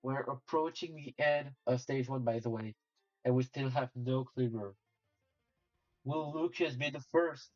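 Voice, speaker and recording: A young man commentating a game competition play-by-play, halting with fillers and restarts, then breaking into excited shouts. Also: medium pitch, no echo. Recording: distant dull mic with faint music.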